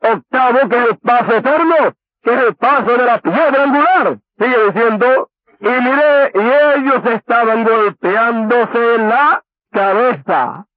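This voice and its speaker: A man preaches in a very high voice and at a slow, deliberate pace. He keeps stopping to ask his listeners rhetorical questions. The sound is a narrow, tinny, phone-like old recording with no room echo. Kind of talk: sermon.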